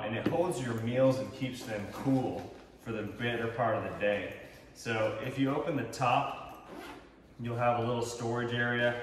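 A man's voice: medium pitch, distant mic, a little hiss or hum. Chatty Texan man in an echoey kitchen. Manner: chatty, upbeat, frequent fillers. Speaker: fitness vlogger. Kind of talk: casual product walkthrough. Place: large home kitchen. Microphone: far camera. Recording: roomy echo, voice from afar.

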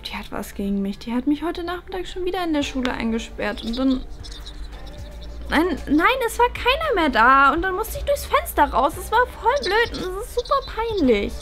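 A young woman playing a quiet, tearful teenage schoolgirl in a family role-play drama. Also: sits high. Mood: embarrassed, upset. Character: upset teenage schoolgirl daughter.

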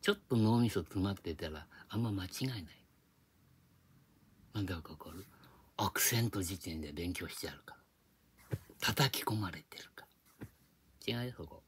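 A man's voice: low voice, moderate pace, long pauses, breathy edge. A man hosting his own video channel, talking in a casual rambling monologue and explaining his points with rhetorical questions, recorded on a tablet microphone.

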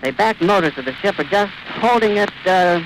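A male radio reporter giving vivid, urgent live commentary outdoors at an airfield, pausing to catch his breath. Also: high-pitched, animated. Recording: old 1930s archive radio recording with hiss.

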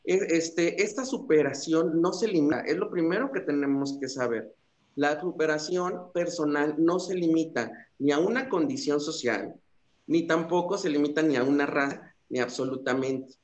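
A man's voice: fairly high pitch, moderate pace, darkish tone. A man, a psychologist giving an earnest motivational talk that wanders through fillers and restarts. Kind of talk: motivational talk on a radio-style show. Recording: echoey, dull lo-fi room sound.

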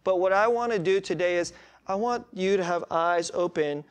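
A male pastor giving a sermon in a casual, chatty way, with quick asides. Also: sits high, smooth. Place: church sanctuary.

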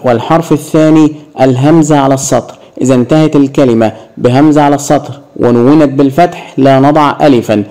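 A man with an Egyptian Arabic accent teaching a grammar lesson to young children, drawing out example words slowly. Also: mid-range voice, steady tone, warm tone, low-quality recording. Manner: slow, drawn-out word demonstrations.

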